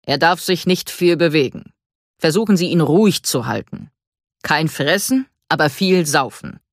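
A woman's voice: low voice, lively intonation, normal speed, dry recording, clean studio sound. A woman voicing a stern, evasive male veterinarian who speaks in a curt, lecturing way.

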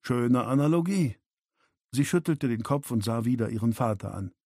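A man reading an audiobook in a measured, expressive storytelling manner. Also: medium pitch, creaky, breathy edge, no echo, clean studio sound. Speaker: narrator. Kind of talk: audiobook narration.

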